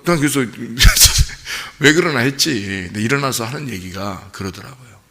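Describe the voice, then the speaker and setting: Pastor, male, gravelly and bright, sermon in a hall with long reverb. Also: mid-range voice, measured pace. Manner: storytelling, animated, addresses congregation with questions. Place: church sanctuary.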